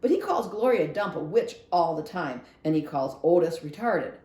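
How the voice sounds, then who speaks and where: A woman voicing an earnest, curious and stubborn young girl in a children's novel read-aloud, expressive and full of questions. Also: on the low side, normal speed, reverberant, lightly acted. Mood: indignant.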